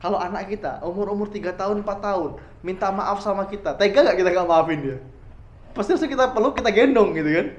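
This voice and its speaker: A man preaching a conversational religious lecture, talking directly to his listeners and asking them questions, moving between loud stress and quiet asides. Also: high-pitched, quick pace, dull audio. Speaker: Islamic preacher.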